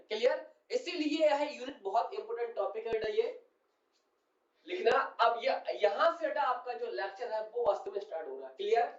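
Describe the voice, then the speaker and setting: A man teaching chemistry to a class, explaining step by step, repeating key terms and often asking whether students have understood. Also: very high voice. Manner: keeps checking understanding and calls students "son". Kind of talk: classroom lecture. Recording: roomy, distant and dull-sounding.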